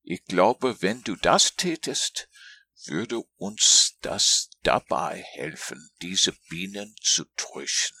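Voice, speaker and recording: A man voicing a simple, earnest, honey-loving toy bear in a storybook read-aloud, in a slow, plaintive, raised voice. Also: sits low, very animated, bright, forceful tone, slightly rough, no room sound, heavily acted.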